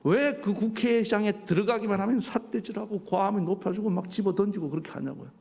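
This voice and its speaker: A male pastor delivering a sermon, animated and full of rhetorical questions to his congregation. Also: high-pitched, quick pace, creaky. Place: church sanctuary. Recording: church hall reverb.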